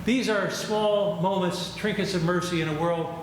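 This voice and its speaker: An older male guest lecturer speaking in a measured, reflective way, with gentle humor, giving a lecture and taking questions. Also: high-pitched, steady tone. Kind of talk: academic lecture and Q&A. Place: lecture hall. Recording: echoey hall with ambient noise.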